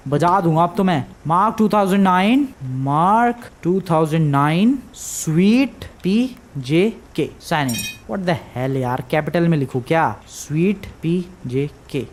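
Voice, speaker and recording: A man's voice: on the high side, animated, slow, few pauses. Guy playing a horror game for his viewers, jumpy and annoyed, slight hiss behind him. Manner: talks to viewers, jumpy and frustrated, yelps when scared. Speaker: gaming YouTuber.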